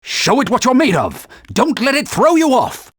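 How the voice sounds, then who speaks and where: A man delivers a full character voice as a talking holy sword in a game, a stern old knightly mentor speaking formally and barking urgent warnings. He sounds very high-pitched and a bit bright, yet husky and commanding, with wildly swooping pitch at a normal speed. The voice clips are dry studio recordings with no echo.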